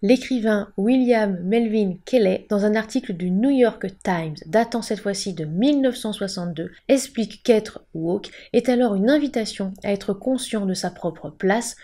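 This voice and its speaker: A woman's voice: mid-range voice, normal speed, few pauses, dark tone. Playful woman hosting an explainer video. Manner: playful, theatrical emphasis. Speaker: YouTube host.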